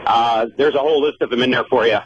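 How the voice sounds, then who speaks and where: Guy w/ wisconsin accent calling in on a dull slightly noisy phone line, kinda halting. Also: medium pitch. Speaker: phone-in caller to a radio show. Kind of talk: casual call-in chat.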